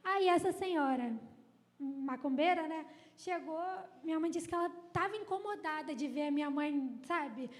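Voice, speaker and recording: A woman with a Brazilian accent giving a testimony in a church service, telling the story in a lively way. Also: high voice, normal speed. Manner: lively storytelling, acting out quoted people. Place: church hall. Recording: echoey church hall.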